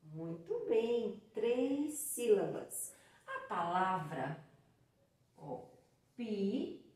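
A woman with a Brazilian Portuguese accent teaching a children's lesson, counting out syllables slowly in a sing-song way. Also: medium pitch, lively intonation, a little mellow. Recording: very echoey room, from far off the mic.

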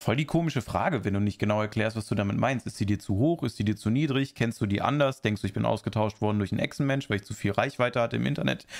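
A man streaming live, chatting casually while reacting to a video and answering viewer chat in rambling asides. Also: mid-range voice.

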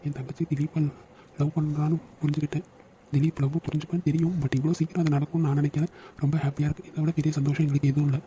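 A man voicing a fast-talking young brother. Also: a little high, flat delivery, dark tone, a little hiss or hum, close to an everyday voice, rough recording. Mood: teasing. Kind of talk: cartoon dialogue acting.

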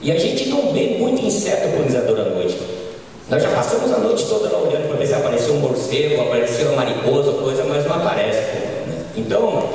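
A middle-aged Brazilian man giving an informal conference lecture on a handheld microphone, often ending points with quick tag questions. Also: a little high, very animated, a little mellow, slight background noise. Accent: Brazilian Portuguese. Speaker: agronomist lecturer. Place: large conference hall. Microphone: handheld mic, filmed from far. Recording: echoey hall from far off.

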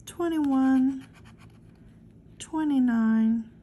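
Slow high-voiced woman calling numbers. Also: mellow. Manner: slow, calls out numbers one by one. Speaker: lottery scratch-off vlogger. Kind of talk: casual scratch-off commentary.

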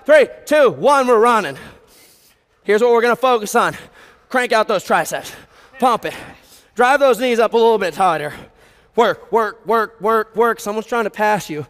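With a high, clear, resonant and slightly bright voice at normal speed, an American man in his twenties runs a group workout. He's all motivational gym-bro energy, counting down and cueing while exerting himself, recorded on a headset in a reverberant warehouse gym of brick.

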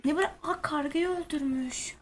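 A woman's voice: high-pitched, brisk. A young woman streaming a horror game, chatting casually with a friend and swearing or shrieking when startled. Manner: jumpy, swears and shouts when scared. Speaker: gaming streamer. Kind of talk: casual let's-play chat. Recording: noisy gaming stream audio.

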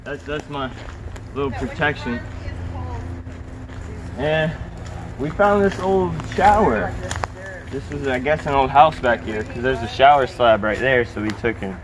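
A man's voice: medium pitch, a little slow, long pauses, a crowd in the background. A young man talking casually and laid-back outdoors in the woods, trailing off as he speaks. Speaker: interviewee living in the woods. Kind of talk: casual chat. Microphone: vlogger's camera a few steps away.

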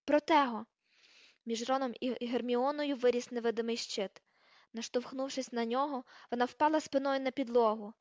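A woman narrating an audiobook in a lively reading style, announcing page numbers. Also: a little high, normal speed, dry recording. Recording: slightly dull, dry recording.

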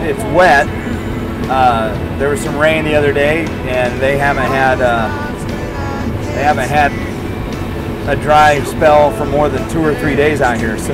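A man in his forties, a farm relief volunteer, talking earnestly and plainly in an informal interview inside a tractor cab. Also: fairly high pitch.

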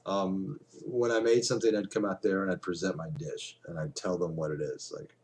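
Low-voiced man rambling into a webcam. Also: steady tone, brisk, a little mellow. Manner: rambling, chatty, many fillers and restarts. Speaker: vlogger. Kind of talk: casual webcam vlog. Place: small room indoors at home. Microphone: webcam at desk.

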